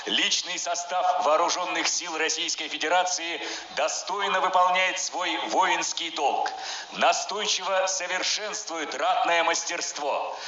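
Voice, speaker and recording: A man making formal ceremonial announcements as a parade announcer, solemn and declamatory. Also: a little high. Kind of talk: formal ceremonial announcement, reading a military order. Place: large outdoor square at a parade. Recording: echoing outdoor loudspeakers, distant, noisy, dull.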